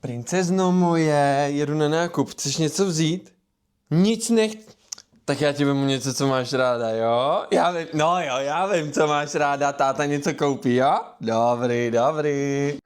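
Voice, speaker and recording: A man playing a father who dotes on his daughter and snaps at his son, speaking in a lowered voice. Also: clean tone, close to an everyday voice. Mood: doting. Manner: low, growly, mumbling.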